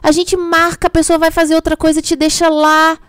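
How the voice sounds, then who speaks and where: A woman with a Brazilian Portuguese accent, a belief coach speaking candidly to her audience about relationships, emphatic and expressive. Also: very high-pitched, fairly quick, no echo, studio quality. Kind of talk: candid direct-to-camera relationship talk.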